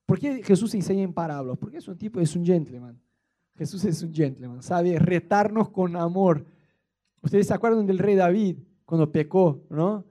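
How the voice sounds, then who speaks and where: A man's voice: high voice, expressive, normal speed, warm tone. A man with an Argentine accent preaching a sermon in a playful, colloquial way, mixing jokes into his teaching. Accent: Argentine Spanish.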